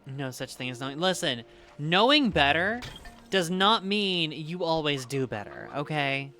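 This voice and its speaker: A woman's voice: deep voice, lively intonation, unhurried, sharp tone, faint music behind. A woman streamer with a slight Southern US accent, rambling and swearing freely as she chats with her viewers while gaming live. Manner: rambling, swears freely, laughs easily, talks to chat.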